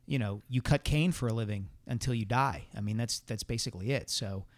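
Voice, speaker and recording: A man, a sports columnist, chatting on a podcast in a brisk, explanatory way, laying out his points in order. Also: on the low side. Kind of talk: casual chat.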